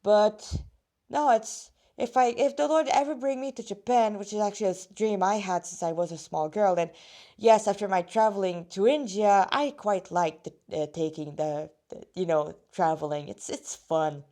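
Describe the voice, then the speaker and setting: Reading her own story aloud, a woman speaks at a moderate pace in a warm, medium-pitched, slightly rusty voice. Her casual delivery wanders into rambling asides and frequently breaks off mid-sentence.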